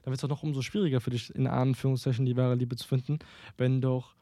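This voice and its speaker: A man's voice: mid-range voice, level tone, warm tone, dry recording. A young man hosting a casual podcast chat, asking questions and cutting in to make his point. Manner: quick, pushes questions, interrupts. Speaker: podcast host.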